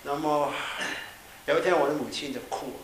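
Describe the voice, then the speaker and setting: A man's voice: fairly high pitch, fairly quick. A middle-aged man preaching a conversational sermon as a pastor, often checking in with his listeners and using fillers. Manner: conversational preaching with frequent tag questions and fillers. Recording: echoey room with faint hiss.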